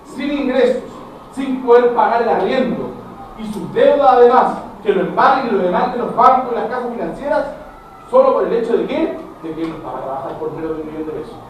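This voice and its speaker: A man's voice: very high-pitched, a little fast. A middle-aged Chilean man lecturing a class as a teacher, speaking directly to his students and acting out little dialogues. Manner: animated, addresses students directly, acts out dialogues. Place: school classroom. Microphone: camera at a distance. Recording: very echoey classroom, far from mic, noisy.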